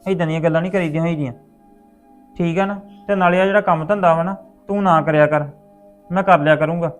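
A man playing a caring widowed father who talks to his daughter in a gentle, coaxing way in a web series drama. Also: a little high, steady tone, quick pace, soft background music, natural voice. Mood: consoling.

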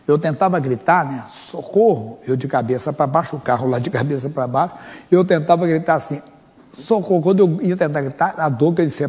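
A man's voice: fairly high pitch, mellow. A man with a Brazilian Portuguese accent preaching a sermon as pastor, emphatic, asking rhetorical questions and swelling in volume. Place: church. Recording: long reverb from a church sanctuary.

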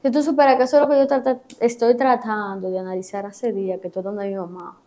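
A woman's voice: fairly high pitch, little pitch movement, quick pace, mellow. A young woman, telling her story as an interview guest, hesitant and repeating herself.

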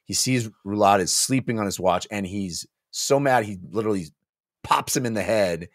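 Speaking at normal speed in a fairly low register, a man in his forties co-hosts a book club show on a video call from his home office. His relaxed recap of the story is descriptive, with the odd character line acted out. The audio, captured on a close desk microphone, is dry and studio-grade.

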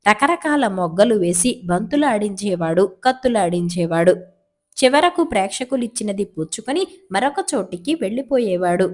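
A woman storyteller reading folk tales aloud at a steady, even pace. Her delivery is scripted and calm, like a read-along storybook. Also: mid-range voice.

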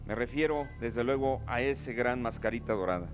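A man's voice: medium pitch, moderate pace. A middle-aged Mexican man working as a wrestling commentator and interviewer on lucha libre. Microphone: handheld microphone. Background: music.

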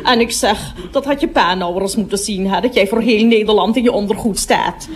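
A woman's voice: medium pitch, brisk, a crowd in the background, lightly acted. An actress playing a gossipy middle-aged woman toilet attendant in a radio comedy monologue, chattering on and breaking off to speak to customers.

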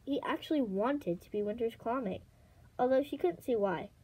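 A woman reading a children's fantasy novel aloud as an amateur audiobook, in a steady storytelling manner. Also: fairly high pitch, normal speed, breathy edge, rough recording. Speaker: audiobook reader.

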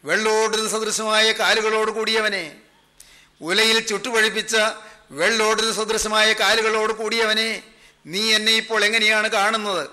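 A man's voice: sits high, level tone, moderate pace, bright, forceful tone. A man preaching a sermon, speaking earnestly in repeated prayer-like refrains.

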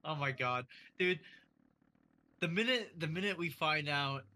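A man in casual game chat who rambles and keeps restarting his sentences as he works through a thought. His voice is bright and forward, and slightly high for a man. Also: expressive, a little slow. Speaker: gamer. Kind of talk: casual multiplayer gameplay chat.

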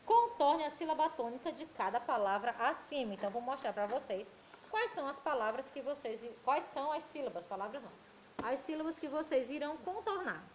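A woman with a Brazilian Portuguese accent, a primary school teacher giving a recorded remote lesson to children, affectionate and patient, reading word lists slowly. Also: high voice, animated, slight background noise, poor audio.

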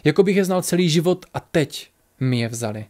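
A man voicing a grieving, furious male tiger warrior who shouts with passion in a storybook. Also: on the high side, animated, lightly acted. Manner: shouting, impassioned.

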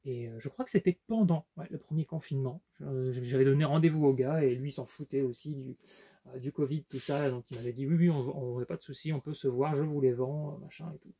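Hesitant French man, dark husky voice. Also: medium pitch, steady tone, fairly quick. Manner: hesitant, many fillers and restarts. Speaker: collector showing his purchases. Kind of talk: casual unboxing vlog chat.

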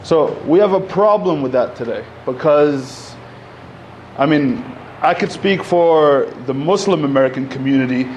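This panel speaker, a man in his thirties from Egypt, talks at a podium in a community center hall, speaking loosely with many fillers and restarts. His slightly high voice is expressive and a little mellow, and he keeps a measured pace. The podium microphone picks up slight background noise.

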